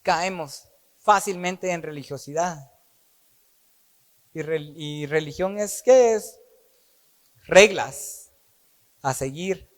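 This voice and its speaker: Male preacher, slightly high voice, slow deliberate sermon delivery, animated storytelling, reverberant church hall. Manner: animated, acts out dialogue with jokey asides.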